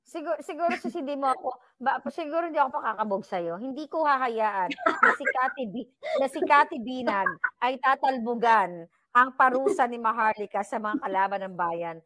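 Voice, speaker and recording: Brief: middle-aged woman vlogger, slightly high voice, blunt and teasing, dry close recording. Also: lively intonation, normal speed, pushed and bright, no echo. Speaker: political vlogger. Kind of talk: casual political chat.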